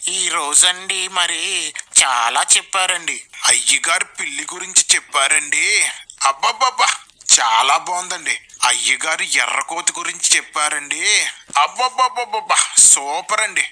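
A woman's voice: low-pitched, lively intonation, unhurried, pushed and bright, full character voice. A man putting on a gushing weepy churchgoer lady. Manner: fawning, gushing, mock-sobbing. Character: gushing tearful female churchgoer.

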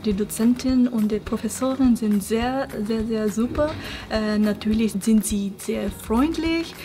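Hesitant young woman, soft music under. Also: a little high, unhurried. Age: young adult. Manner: hesitant, many fillers. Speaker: international law student. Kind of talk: unscripted promotional interview.

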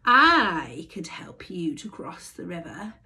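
A woman voicing a cunning male fox in a storybook reading, coaxing and hushed. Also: on the low side, big pitch swings, slow, exaggerated voice.

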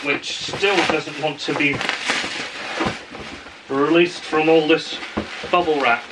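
A man's voice: fairly high pitch, fairly even intonation, takes it slowly, heavy background noise. A man hosting a casual unboxing vlog, rambling and chatty, often laughing at himself. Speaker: channel host.

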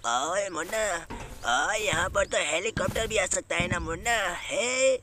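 A man's voice: sits high, expressive, measured pace, sharp tone, slight background noise, heavily acted. A man doing a bossy scolding cartoon buddy. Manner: bossy, scolding, starts lines with "aaye". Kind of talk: comic Hindi voice acting over gameplay.

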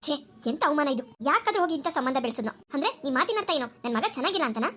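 A woman voicing a loud, scolding mother of the groom. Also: high voice, lively intonation, very fast, pitched below the performer's own voice. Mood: indignant. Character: proud, quarrelsome middle-aged mother of the groom. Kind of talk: cartoon voice acting.

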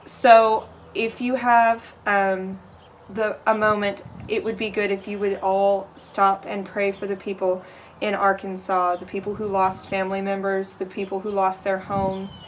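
A woman's voice: medium pitch, flat delivery, measured pace, a little hiss or hum, poor audio. A woman, talking earnestly to camera in a casual farm vlog, recorded outdoors on a porch. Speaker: small farm owner and vlogger.

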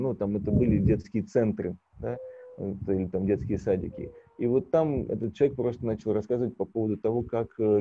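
A business owner joins a video call as a guest and chats casually in a mellow, mid-range voice with no room sound. He's hesitant, dropping in many fillers and chuckles. The call audio is dull and lo-fi.

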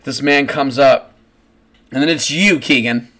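A man's voice: mid-range voice, unhurried, fairly bright tone. A man narrating a tabletop game as game master over an online call, rambling casually with frequent restarts. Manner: rambling, many restarts and fillers.

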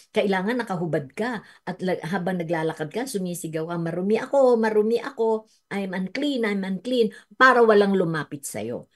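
A woman preaching a sermon on the radio, swinging from soft, slow stretches to loud, high cries and mixing Tagalog with English. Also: slightly rough. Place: radio studio.

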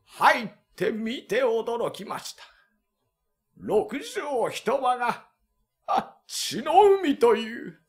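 A man playing a timid tenement dweller who tells a ghost story slowly and in a hushed tone, in rakugo comic storytelling. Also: very high voice, animated, heavily acted. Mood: hushed spooky. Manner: drawn-out, hushed spooky delivery.

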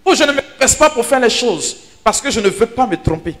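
Animated high-voiced priest preaching. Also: male voice, brisk. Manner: animated storyteller, dramatic drops to hushed asides. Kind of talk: sermon teaching. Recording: hall reverb with faint music.

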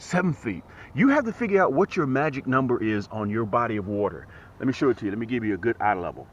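A fishing channel host films a casual vlog from a small boat on a lake in early morning rain, his mid-range voice excitable and repetitive, often sinking to a hush as he speaks straight to viewers on the water. The action camera mounted on the boat gives dull lo-fi audio with faint outdoor noise.

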